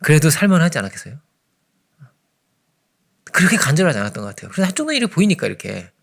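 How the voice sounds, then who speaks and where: A man preaching an early morning sermon in a conversational way, often checking in with the congregation and swinging between loud emphasis and hushed asides. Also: a little high, wildly swooping pitch, racing, gravelly. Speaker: pastor.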